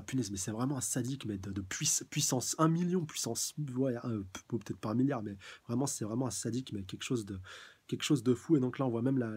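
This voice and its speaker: Man for a casual live manga review: middle pitch, slightly husky, excitable, rambles with lots of restarts. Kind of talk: live comic chapter review.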